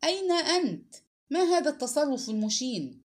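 A furious shouting police chief, as a woman reads him. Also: sits high, sing-song, brisk, voice pushed up. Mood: angry shouting. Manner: shouting, reproachful. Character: angry male police chief boss.

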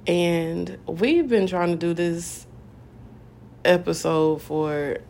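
Slow, gravelly woman chatting casually. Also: fairly low pitch, a little mellow. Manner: laid-back, laughing, swears casually. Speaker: podcast co-host. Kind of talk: casual chat.

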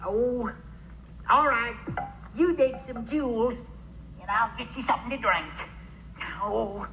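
An actor playing an eccentric, folksy old hermit in a creaky voice in a 1970s TV show, on a dull, noisy recording. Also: male voice, extremely high pitch, takes it slowly, heavily acted. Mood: folksy, offhand.

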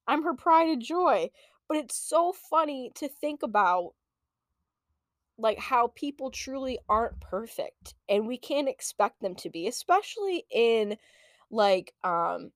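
A podcast host in her late twenties tells a personal story in a casual, animated and profane way, laughing often. Her voice is a little high, and the studio-quality recording has no echo.

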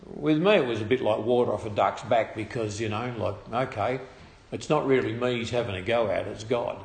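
An Australian man telling a personal testimony story in a halting way, with restarts and trailing phrases. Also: on the low side, vocal fry, roomy sound.

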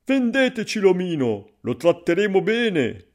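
Brief: a scheming greedy stranger for a fairy tale, loud and sly, voiced by a man. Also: high voice, big pitch swings, measured pace, pitched above the performer's own voice.

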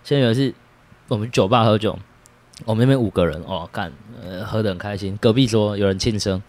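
A man, a podcast guest telling stories in a brash, animated way and swearing often. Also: on the low side, fast talker. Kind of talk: casual storytelling.

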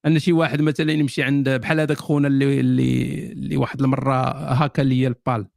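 A man's voice: mid-range voice, level tone, rapid-fire, vocal fry, a little mellow, dry recording, clean studio sound. A man with a Moroccan accent hosting a casual live Q&A, answering viewer questions with jokes, sardonic asides and frequent laughter.

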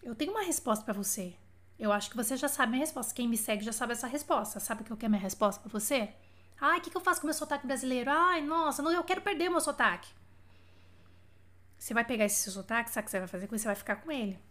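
A Brazilian woman teaches French in a live-streamed lesson, chatty and constantly checking in with viewers by asking "tá?". Her voice is a little high and fairly bright, animated and very fast, captured through a live stream setup.

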